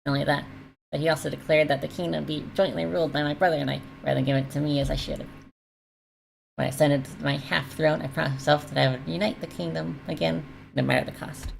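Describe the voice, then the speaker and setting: A bitter, ambitious king from a video game , read aloud by a woman. The voice is low and very creaky, declaiming with self-righteous defiance. Faint noise sits behind it. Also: little pitch movement, fast, rough recording.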